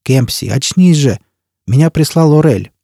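A man's voice: on the high side, expressive, moderate pace, mellow, dry recording, clean studio sound. A man voicing a cold, vengeful male interrogator with harsh, clipped commands. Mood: urgent.

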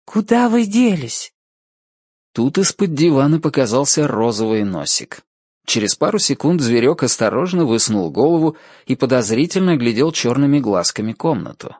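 A man narrating an audiobook in an expressive, animated reading style. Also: mid-range voice, normal speed, dry recording, clean studio sound.

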